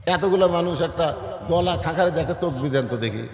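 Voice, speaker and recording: A man preaching a rousing open-air sermon, joking and calling the crowd to shout. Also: on the high side, brisk. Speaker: Islamic preacher. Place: large open-air gathering. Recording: echoey outdoor PA reverb.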